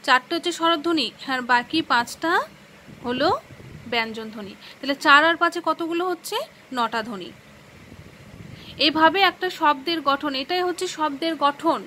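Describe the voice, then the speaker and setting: A woman teacher with a high, bright voice talks through a grammar lesson, sounding out words syllable by syllable. She keeps asking questions and answering them herself. Faint noise hums behind her. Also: normal speed, pauses often, low-quality recording. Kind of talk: classroom lesson explaining grammar.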